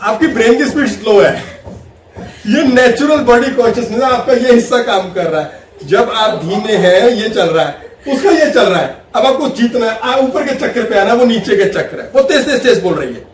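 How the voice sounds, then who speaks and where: Spiritual teacher, male, high-pitched, playful, acts out scenes; recorded from afar in a reverberant room. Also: normal speed, far from the mic. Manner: animated, laughing, acts out everyday scenes. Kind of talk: spiritual talk with Q&A.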